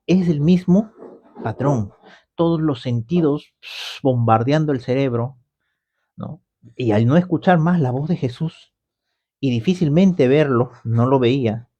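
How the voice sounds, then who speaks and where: A man's voice: on the high side, dark tone, breathy edge. A man teaching scripture on a radio program in a conversational way, explaining step by step and often checking in with his listeners. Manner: explanatory, often adds the tag question "¿no?". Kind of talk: conversational Bible commentary.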